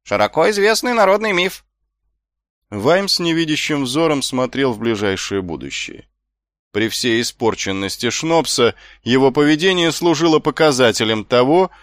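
Man narrating an audiobook, lively up and down voice, dry close sound. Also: mid-range voice, normal speed, dry recording. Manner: expressive storytelling. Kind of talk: scripted narration.

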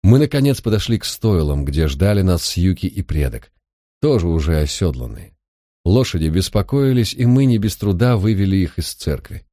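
A man narrating an audiobook in a steady, even storytelling manner. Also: low-pitched, moderate pace, no room sound, studio quality.

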